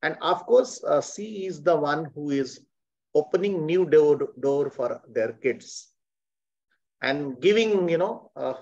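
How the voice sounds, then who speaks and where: A man's voice: fairly high pitch, expressive, slow, vocal fry, darkish tone. A man moderating an online panel in a formal way, with "uh" fillers. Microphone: video call. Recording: dull lo-fi call audio.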